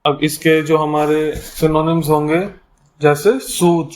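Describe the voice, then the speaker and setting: A man's voice: fairly high pitch, flat delivery, slow. A man teaching English vocabulary, explaining each word step by step with everyday examples. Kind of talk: vocabulary lesson.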